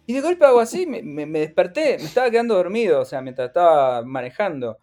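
A man's voice: high-pitched, fast, faint music behind. A middle-aged man with a Rioplatense Spanish accent, telling a comic story and acting out the other people's voices. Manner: animated, acts out other voices in quotes.

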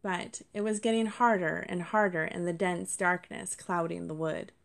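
A woman narrating a children's storybook, gentle and speaking to the listeners directly. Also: fairly low pitch, fairly even intonation, moderate pace, vocal fry.

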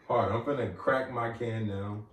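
A man's voice: on the low side, steady tone, unhurried, slight background noise. A man hosting a podcast in casual chat, loose, slangy and joking with his guest. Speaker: podcast host. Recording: roomy, distant mic, faint ambience.

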